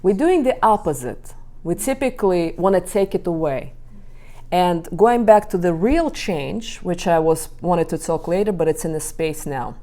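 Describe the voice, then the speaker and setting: A middle-aged woman tells a group stories from her own marriage. Her voice is mellow and warm, and she acts out every quote as she goes. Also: on the low side, normal speed. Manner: storytelling, animated acting out of quotes. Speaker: relationship coach. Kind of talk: talk to a live group.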